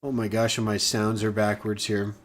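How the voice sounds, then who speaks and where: A man's voice: fairly low pitch, level tone, moderate pace. Goofy, chatty man narrating gameplay. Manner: chatty, goofy and self-mocking. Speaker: gaming channel host. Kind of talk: casual gameplay commentary.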